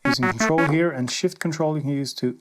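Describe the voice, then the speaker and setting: Over a backdrop of synthesizer sounds, a man with a fairly high voice talks fairly quickly. He reviews and presents synths, running an informal hands-on demo and thinking out loud along the way.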